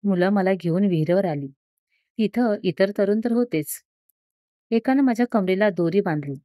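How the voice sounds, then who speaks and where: A woman narrating a story in a calm, even storytelling delivery. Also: medium pitch, normal speed, dry recording, studio quality.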